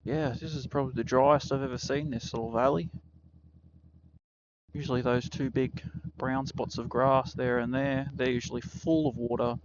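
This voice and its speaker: A man's voice: mid-range voice, fairly even intonation, normal speed. A laid-back Australian man riding a motorbike, chatting to himself through his helmet mic and swearing casually as he rides. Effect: voice picked up by a helmet-mounted mic while riding. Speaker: motorbike vlogger. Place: outdoors on a motorbike on rural roads. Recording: muffled helmet mic with loud wind and engine noise.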